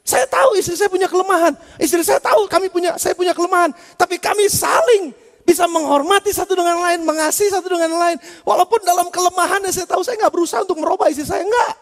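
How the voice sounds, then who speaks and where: High-voiced preacher in a reverberant church. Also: male voice, fast talker, vocal fry. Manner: animated, swinging between shouting and hushed asides. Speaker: pastor. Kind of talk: sermon.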